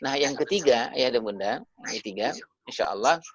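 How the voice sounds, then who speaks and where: A man's voice: mid-range voice, expressive, fairly quick, a bit bright, no echo. A man giving a parenting talk to parents over a video call. He speaks to them directly and keeps tagging his points with little fillers. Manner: addresses parents directly, with frequent tag fillers. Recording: dull lo-fi video-call audio.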